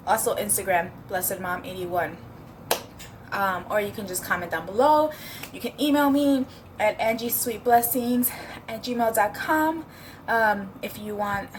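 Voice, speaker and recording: A woman's voice: on the high side, slight background noise. A woman chatting casually in a home cooking vlog, upbeat and rambling with fillers, at times talking while she eats. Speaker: vlogger.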